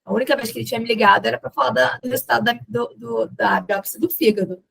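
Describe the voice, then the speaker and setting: A young Brazilian woman tells her story as a podcast guest, voicing the people in it as she goes. Her voice sits fairly high with a gravelly, fry-tinged edge. The sound is close and dry. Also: fast, dry recording, rough recording. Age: young adult. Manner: lively retelling that acts out quoted dialogue, with laughs. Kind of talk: personal storytelling in a podcast interview.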